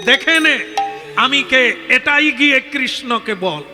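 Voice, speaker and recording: A man voicing a stern old sage in rags who speaks gravely and commandingly in a kirtan storytelling sermon. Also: very high-pitched, animated, slow pace, heavily acted. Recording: long hall reverb with music.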